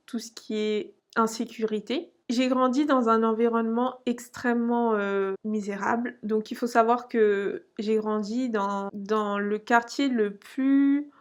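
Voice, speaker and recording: Hesitant young woman telling her story. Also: on the high side. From Portugal. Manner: hesitant, many fillers and restarts. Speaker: finance vlogger. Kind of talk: personal storytelling to camera.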